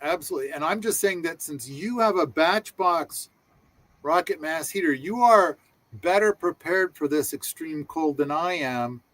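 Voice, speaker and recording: A man's voice: a little high, animated, normal speed, fairly bright tone. A man hosting a casual panel discussion, enthusiastic and rambling with many restarts. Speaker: host.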